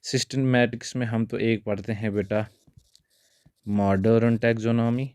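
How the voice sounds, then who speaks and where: A man's voice: mid-range voice, flat delivery, a little slow, darkish tone, smooth, dry recording. A male biology teacher giving an exam-prep lecture, calling his students "beta" again and again and mixing English terms into his talk.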